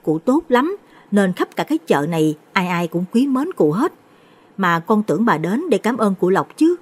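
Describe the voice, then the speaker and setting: A woman voicing a chatty young female tea-stall seller, eager and gossipy, with a breathy voice. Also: mid-range voice, very animated, normal speed. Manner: eager, gossipy, hushed when confiding.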